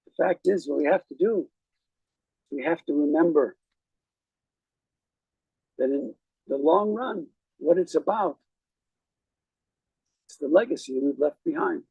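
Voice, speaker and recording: A man speaking as a rabbi at a graveside, giving a eulogy in a measured, reflective way with deliberate pauses. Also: fairly high pitch, gravelly, mellow, breathy edge, no echo, muffled recording. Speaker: rabbi officiating at a funeral.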